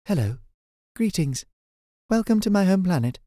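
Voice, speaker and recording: A man voicing a small, friendly four-eyed alien who speaks in a calm, formal, welcoming way. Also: high-pitched, normal speed, no echo, studio quality, pitched above the performer's own voice.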